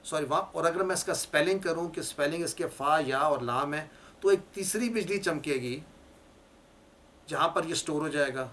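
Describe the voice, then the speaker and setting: A man's voice: on the high side, fairly bright tone, a little hiss or hum. A male teacher giving a classroom lecture, explaining each point step by step and repeating key words for his learners.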